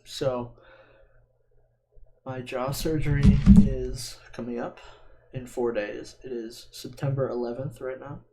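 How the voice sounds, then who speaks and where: Playing a video game at his home computer in a dim room, a young male vlogger rambles casually and hesitantly, lisping slightly on his S sounds. He speaks slowly at medium pitch with a level tone and frequent pauses, against heavy background noise and clicking keys and mouse.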